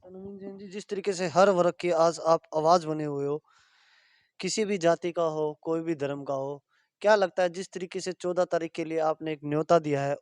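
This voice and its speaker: A man's voice: fairly high pitch, darkish tone, no echo, clean studio sound. A male reporter interviewing a guest with long, winding questions.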